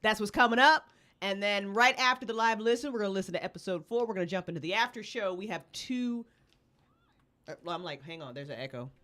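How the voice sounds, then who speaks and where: Using a streaming rig with webcam and headphones, a woman who co-founded a podcast and works as a writer and director hosts a live stream. Her medium-pitched voice is pushed and bright, quick, and lively in intonation, and she rambles playfully and casually with lots of swearing.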